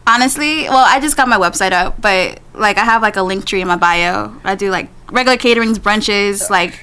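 A woman's voice: medium pitch, a little fast, pushed and bright, a little hiss or hum. A woman of twenty-one with a New York accent, chatting casually as a guest in slangy speech and often laughing. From Queens, New York, USA. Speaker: podcast guest, private chef and caterer. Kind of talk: casual chat.

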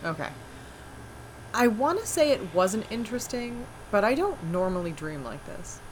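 A woman's voice: medium pitch, moderate pace, slight background noise, lightly acted, rough recording. An actress playing a dry-humored wife who is groggy before her coffee, in an audio drama. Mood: storytelling. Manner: dry, deadpan.

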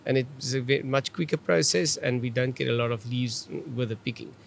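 Brisk and creaky, the man's medium-pitched voice comes with a faint hiss or hum in the recording. He is from South Africa, has an Afrikaans accent, and answers like a chatty viticulturist guest, repeating words as he gropes toward his point.

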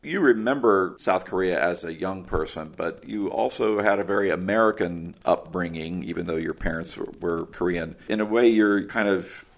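Male interviewer, very low gravelly voice, measured questions.

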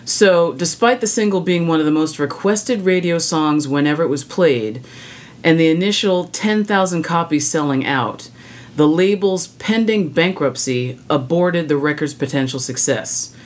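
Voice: medium pitch, moderate pace. An opinionated music podcast host reading prepared commentary, with wry, blunt casual asides.

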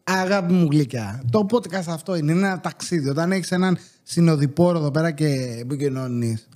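A man, hosting a podcast and telling stories in a casual, animated way. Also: a little high. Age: 30s. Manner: animated storytelling with acted-out quotes. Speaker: podcast host. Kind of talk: casual chat.

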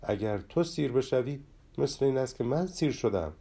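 A man doing gentle, sighing Hesam Bek. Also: medium pitch, animated. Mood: resigned. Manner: soft, resigned, sighing.

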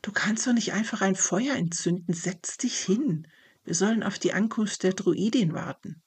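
A storyteller voicing Inna, a young girl cousin who scolds her companion in a hushed, anxious way, in a storybook reading. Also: mid-range voice, normal speed, breathy edge. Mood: scolding. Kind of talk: storybook narration.

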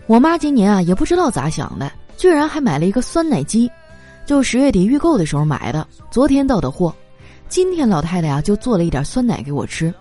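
Brief: woman comic, mellow tone, very animated delivery, light music underneath. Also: mid-range voice, a little fast. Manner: lively, animated, laughs through punchlines. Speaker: comedy monologue performer. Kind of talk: stand-up style comic storytelling.

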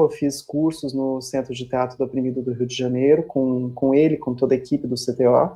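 Mellow São woman, low-voiced, reflective. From São Paulo, Brazil. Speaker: guest, university performing arts teacher. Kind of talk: reflective interview talk.

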